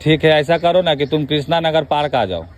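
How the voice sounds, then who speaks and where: Over the phone, a man with a Bihari accent speaks a little high and a little fast. He's informal and colloquial, pressing with questions and cutting in.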